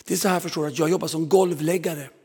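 A man's voice: on the high side, fairly even intonation, a little mellow, slightly rough, in a large hall. A man preaching a sermon, telling stories and acting out the people in them, his voice strained. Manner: storytelling, acts out quoted voices. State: strained, recovering voice.

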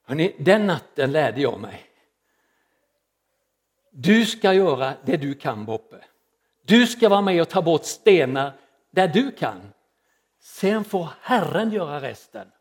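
A middle-aged man, a pastor, preaching a sermon and telling a story with dramatic rises and soft drops. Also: on the high side, big pitch swings, long pauses, husky.

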